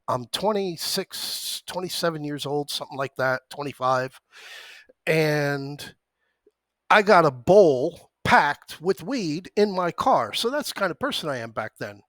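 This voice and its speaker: Trading stream host, man in his forties, somewhat high voice, foul-mouthed storyteller who drifts between anecdote and tickers, dry close sound. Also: expressive, unhurried, fairly bright tone, no echo. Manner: profane, rambling, jumps between anecdote and stock prices. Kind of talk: livestream storytelling mixed with market commentary. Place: at his computer at home.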